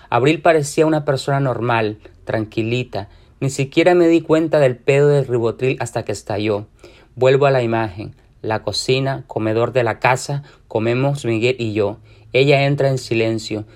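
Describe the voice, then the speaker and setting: With a mid-range, slightly mellow voice, this Mexican-accented reader performs a short story out loud. He uses a relaxed, slang-filled first-person voice.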